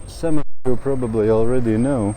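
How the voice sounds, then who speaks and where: A man in his thirties from Latvia, speaking in a slow, thoughtful personal monologue and laughing often as he talks. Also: medium pitch, warm tone, slight background noise, rough recording. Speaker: travel vlogger. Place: outdoors in a town.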